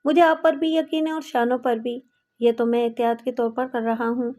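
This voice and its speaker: A woman's voice: fairly high pitch, flat delivery, warm tone, natural voice. A woman voicing a hot-tempered, tormented young man in an audiobook, reading his lines with impassioned pleading. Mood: calm.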